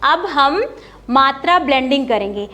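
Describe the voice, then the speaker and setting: A woman primary school teacher leading a phonics lesson, calling out syllables slowly and clearly for children to repeat. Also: sits high, animated, sharp tone. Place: classroom with children.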